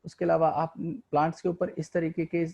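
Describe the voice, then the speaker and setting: A man's voice: a little high, level tone, normal speed, vocal fry, a little mellow. A man teaching a biology lesson over a diagram, asking his students questions and answering them himself, with English terms mixed into his Hindi. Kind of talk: online lecture explaining a diagram.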